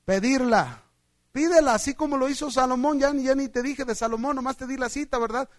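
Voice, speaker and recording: A man with a Mexican accent preaches a sermon in a high, lively voice. He tells stories and acts out the voices of the people in them, going from loud, excited lines to quiet, hushed ones. The sound is dry and close, with no room echo. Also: brisk. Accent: Mexican Spanish. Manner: animated storytelling, acting out voices, swinging from loud to hushed.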